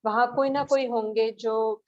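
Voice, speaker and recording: A woman teaching and giving gentle advice in a devotional question and answer session, mixing English phrases into her speech. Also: on the high side, steady tone, unhurried, dull audio. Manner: gentle, advising, mixes English into Hindi.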